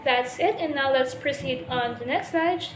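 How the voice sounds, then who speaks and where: A woman's voice: high-pitched, moderate pace, echoey room, noisy background. A woman student giving a class presentation, explaining step by step with many hesitations and restarts.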